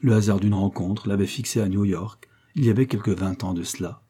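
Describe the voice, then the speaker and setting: A man reading a classic novel aloud as narrator, in measured, even storytelling. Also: on the low side. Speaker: audiobook reader. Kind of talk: scripted narration.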